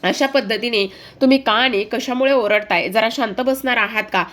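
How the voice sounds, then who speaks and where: A woman voicing a young man who steps into a family quarrel and asks everyone to calm down. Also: a little high, moderate pace, close to an everyday voice. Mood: firm.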